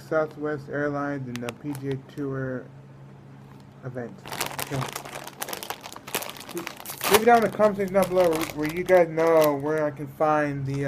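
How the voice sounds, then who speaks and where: A man's voice: fairly high pitch, noisy background. A man from the United States giving a casual, rambling food review, often trailing off mid-thought. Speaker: snack reviewer.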